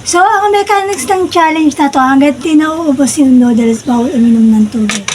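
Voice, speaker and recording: A woman's voice: sits high, normal speed, darkish tone, slight background noise, poor audio. A Filipino woman vlogger chatting casually to her viewers as she films a food challenge. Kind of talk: casual vlog talk to viewers.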